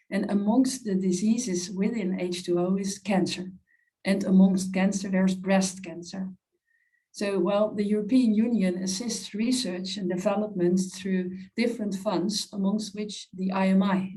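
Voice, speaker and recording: A woman's voice: medium pitch, warm tone, low-quality recording. A woman surgeon speaking as a panelist, explaining a research project with slightly non-native phrasing. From Netherlands. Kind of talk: presenting at a panel webinar.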